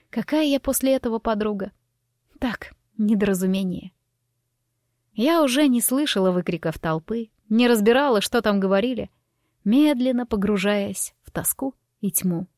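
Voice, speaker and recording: A woman narrating a first-person audiobook in an expressive, emotional reading. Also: medium pitch, no room sound, studio quality.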